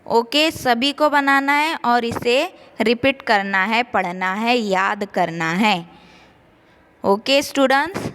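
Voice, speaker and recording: A woman teacher slowly drilling syllables for young children, saying each sound twice in an online class. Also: on the high side, a bit bright, smooth, long reverb tail.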